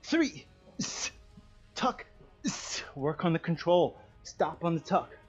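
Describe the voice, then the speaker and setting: Slow-talking man coaching a kicking class. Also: fairly high pitch, breathy edge, highs cut off, faint music behind. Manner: counts reps loudly, chats and jokes between sets. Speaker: martial arts instructor. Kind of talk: leading a live kicking workout class.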